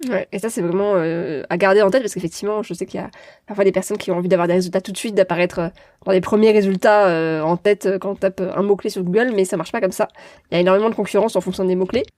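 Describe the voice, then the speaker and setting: A woman's voice: medium pitch, steady tone, fast, darkish tone. A woman hosting a podcast interview, speaking in a friendly, explanatory way with light laughs. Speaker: podcast host.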